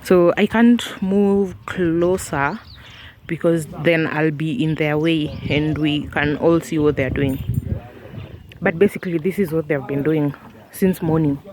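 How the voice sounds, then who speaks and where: Lady chatting on a phone cam outside, low-ish voice, bit of noise behind. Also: steady tone, measured pace, a little mellow. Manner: chatty, rambling, with fillers and laughs. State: talking around candy in her mouth. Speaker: vlogger. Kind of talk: casual vlog narration. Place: outdoors at a house building site, drizzling.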